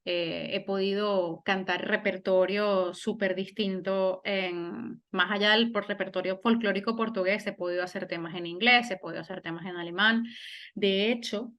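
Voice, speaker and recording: In a lo-fi recording, a middle-aged singer and German teacher from Venezuela gives a conversational interview. Her mid-range voice stays steady at a normal speed, and she sounds thoughtful, with many fillers and restarts.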